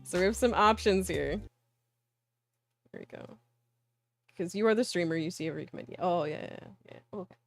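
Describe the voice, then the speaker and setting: In a dry recording with soft music behind her, a woman livestreams visual novels, chatting playfully and informally and sometimes reading aloud. Her lowish voice is creaky and brisk, broken by long pauses.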